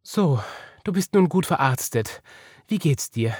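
A gentle, caring mother with an Austrian accent, played by a male storyteller, asking soft, soothing questions. Her voice is raised well above his own and moves lively, and it sounds dry and close in a storybook reading. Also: a little high, unhurried, breathy edge, dry recording, voice pushed up.

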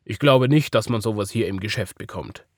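A man's voice: lowish voice, fairly quick, dry recording, clean studio sound, natural voice. A man voicing a kindly, helpful older salesman in a children's story, with an Austrian accent and a friendly explaining manner.

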